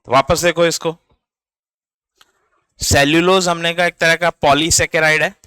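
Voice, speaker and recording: A man's voice: a little high, steady tone, normal speed, bright, forceful tone, clean tone, no room sound. A man, teaching biology in a classroom lecture, explaining step by step and checking in with his students. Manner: spells out words letter by letter.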